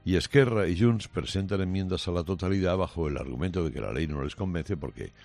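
A male radio host delivering a combative, sarcastic opinion monologue a studio, with many pauses and restarts. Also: sits low, creaky, a little mellow, dry recording.

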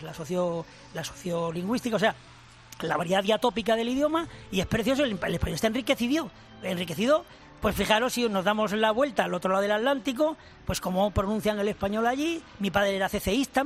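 Older man, high-pitched, emphatic professorial radio guest, faint music under. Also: expressive, a little fast. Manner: emphatic, explanatory, addresses host formally. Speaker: language professor and author.

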